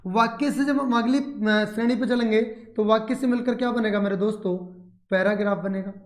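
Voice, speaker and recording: A man with an Indian accent teaching a grammar lesson, asking and answering his own questions and dictating slowly word by word. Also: high-pitched, steady tone, roomy sound. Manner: explains in Hindi mixed with English, asks and answers his own questions.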